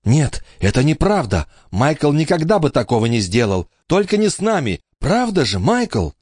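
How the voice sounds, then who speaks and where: A male audiobook reader voicing a fierce young girl who argues and pleads, high and shrill. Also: big pitch swings, moderate pace, darkish tone, slightly rough, no echo, studio quality. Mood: defiant.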